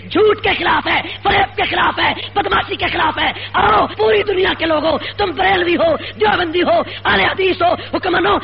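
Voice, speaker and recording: At a public gathering, a man delivers an impassioned rally speech in an extremely high-pitched, creaky voice, full of repetition, shouted rhetorical questions and call-and-response. The lo-fi recording carries a faint hum.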